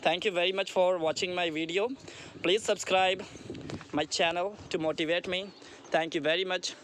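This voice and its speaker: An earnest man from India gives a basic lesson. He repeats words slowly so his pupils can copy them, and faint traffic hums behind him. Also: sits high, steady tone, fairly bright tone. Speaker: English teacher. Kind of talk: online language lesson.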